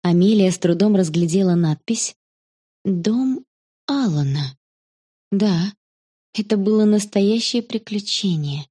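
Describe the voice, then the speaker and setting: A woman narrating a children's story in a calm, even storytelling manner. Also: medium pitch, moderate pace.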